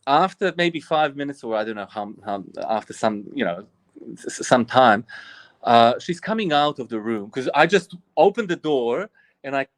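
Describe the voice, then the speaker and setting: Telling his story as an interview guest, a roughly forty-year-old Bosnian Orthodox priest speaks in an expressive mid-range voice at a moderate pace. His manner is earnest and reflective with frequent sentence restarts, and no room sound is audible.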